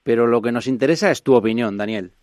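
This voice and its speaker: A man's voice: mid-range voice, quick pace, a little mellow, no echo, clean studio sound. A man hosting a radio program, asking questions in a formal, courteous way. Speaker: radio show host. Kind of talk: radio interview.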